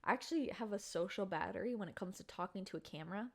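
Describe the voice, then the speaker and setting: A woman's voice: medium pitch, fast talker. A woman talking casually to her camera in a chatty, slangy spoiler review of a book. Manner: chatty, slangy, animated storytelling. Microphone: camera mic.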